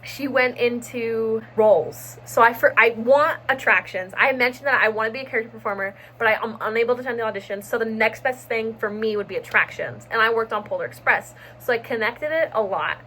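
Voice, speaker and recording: A young woman vlogging in a casual, excitable way, chatting quickly and nervously with frequent laughs. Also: fairly high pitch, slight background noise, poor audio. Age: young adult. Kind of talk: casual vlog chat.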